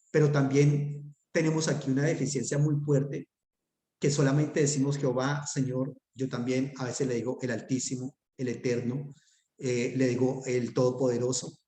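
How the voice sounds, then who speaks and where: A man's voice: mid-range voice, dark tone, roomy sound. A man teaching a Hebrew class online, talking conversationally and asking his students rhetorical questions.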